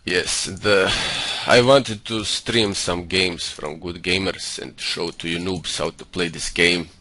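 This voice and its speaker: Deep-voiced man, put-on Russian accent. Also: steady tone, pushed and bright, dry recording. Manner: cocky, condescending, deliberately exaggerated for comic effect. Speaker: StarCraft game caster and streamer. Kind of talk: live-style game commentary. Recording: home computer mic with faint noise.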